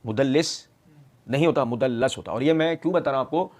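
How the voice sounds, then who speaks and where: A man giving a polemical religious lecture, speaking in an animated, emphatic and sarcastic way. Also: on the high side. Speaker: religious scholar.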